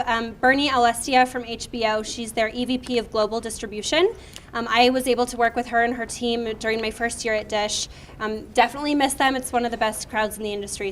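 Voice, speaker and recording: A woman opens the event as its host, upbeat and welcoming. Her voice sits a touch high. A faint hum of room noise runs behind her. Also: a bit bright. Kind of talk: event introduction and interview questions.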